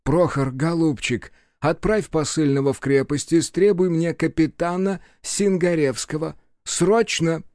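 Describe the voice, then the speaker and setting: A man's voice: on the high side, unhurried, few pauses, darkish tone, dry recording, studio quality, pitched above the performer's own voice, lightly acted. A man voicing a fussy, ceremonious middle-aged town official who talks politely and pleads. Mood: fussy, pleading.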